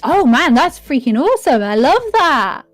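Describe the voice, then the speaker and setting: A woman's voice: high-pitched, big pitch swings, normal speed, no room sound, soft background music. Upbeat woman co-hosting a podcast. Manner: upbeat, laughs easily, reads out viewer comments. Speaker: podcast co-host. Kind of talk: casual podcast chat.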